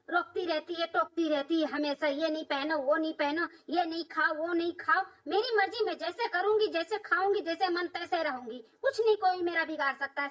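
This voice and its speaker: A woman's voice: very high voice, fairly bright tone. A woman voicing a defiant, modern young daughter-in-law in a cartoon comedy, talking back sharply. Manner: sassy, talks back. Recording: distant, dull lo-fi recording.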